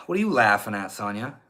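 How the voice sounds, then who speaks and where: Big pitch swings and a sharp tone mark this young man's fairly low voice as he livestreams at a moderate pace. Stuffy-nosed and relaxed, he reads chat, talks casually with viewers and swears freely.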